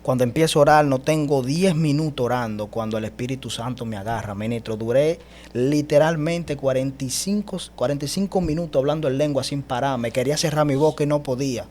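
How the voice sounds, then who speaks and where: A man giving an animated personal testimony as a guest, speaking emphatically and often calling the host brother. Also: medium pitch, brisk, slight background noise. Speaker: guest telling his testimony.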